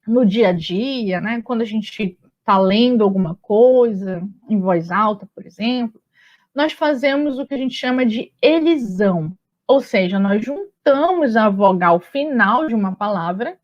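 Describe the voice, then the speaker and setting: A woman teacher explaining step by step in a patient, explanatory manner, often checking in with her students. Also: fairly high pitch. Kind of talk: recorded online lesson. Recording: muffled lo-fi audio.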